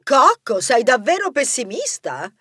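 A man voicing a bold, unflappable young female mouse ghost-hunter who talks in a brisk, bossy, wisecracking way. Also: very high-pitched, wildly swooping pitch, sharp tone, slightly rough, no echo, studio quality, voice pushed up, exaggerated voice. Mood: breezy.

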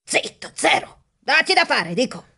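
A woman voicing a bossy, scheming female newspaper rat in an audiobook, shrill and domineering, repeating a pet word. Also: expressive, takes it slowly, gravelly, fairly bright tone, slight background noise, full character voice. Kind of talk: audiobook character voice.

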